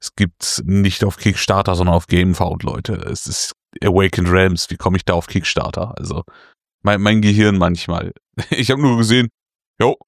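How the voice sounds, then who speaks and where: A man's voice: low-pitched, fairly even intonation, normal speed, creaky, no echo, studio quality. A man co-hosting a casual board game news podcast, self-mocking and jokey, laughing at his own slips. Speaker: podcast co-host.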